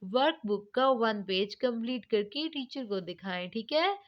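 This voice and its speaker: A woman teacher giving an online phonics lesson to young children, spelling out letters and words slowly and drawing them out. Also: on the high side, animated, dull audio.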